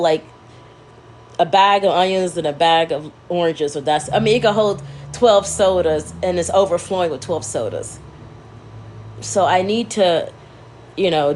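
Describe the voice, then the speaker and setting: Fairly low in pitch with a darkish tone, this woman sounds stuffy and scratchy-throated. She's hosting an informal livestream, meandering as she speaks, self-correcting, and addressing her viewers.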